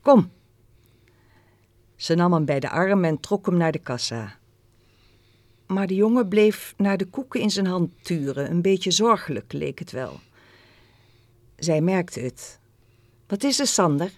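Woman, column reading, slow, measured, calm, dry studio sound. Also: on the low side, dry recording. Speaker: column reader. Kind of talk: reading a literary column aloud. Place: radio studio.

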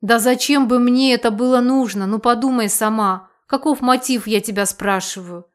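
A woman voicing a blunt older village woman who scolds and teases loudly, in an audiobook reading. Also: on the high side, normal speed, close to an everyday voice. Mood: scolding. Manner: loud, scolding, teasing. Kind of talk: audiobook character voice.

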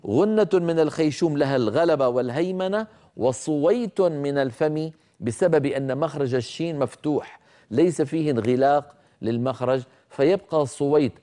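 Dark-voiced man teaching recitation. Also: fairly high pitch. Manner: deliberate, demonstrates sounds slowly and drawn out; corrective, sometimes scolding. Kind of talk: tajweed lesson with spoken demonstrations.

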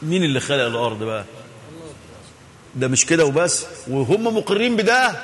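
A man's voice: a little high, sing-song, brisk, a bit bright. A man with an Egyptian Arabic accent gives a Quran tafsir lesson. He asks questions, answers them himself, and repeats key words for emphasis. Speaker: religious teacher. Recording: hall reverb.

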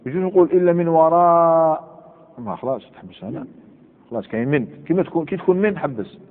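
A man's voice: fairly high pitch, lively intonation, fast. A male grammar teacher with an Algerian accent lectures a class, drilling the same examples again and again and firing questions at his students. The recording is thin and phone-like, and his voice rings out in a long hall echo. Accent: Algerian Arabic. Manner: repeats examples and quizzes students. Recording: tinny lo-fi with long hall reverb.

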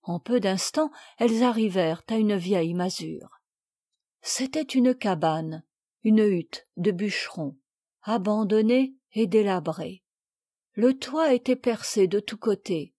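A woman reading a classic children's novel aloud with measured, expressive storytelling. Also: mid-range voice, no echo, clean studio sound. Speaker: audiobook reader.

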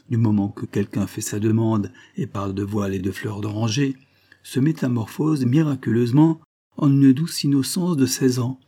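A man's voice: medium pitch, dark tone, slightly rough. A man voicing a phlegmatic Englishman, blunt and ill at ease, stammering at times in a storybook reading.

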